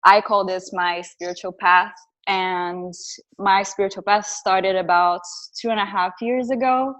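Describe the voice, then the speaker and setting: A Brazilian woman with a Brazilian Portuguese accent appears as a podcast guest, earnestly and reflectively telling the story of her personal journey in a casual interview. Her voice is medium in pitch, steady, unhurried and slightly bright.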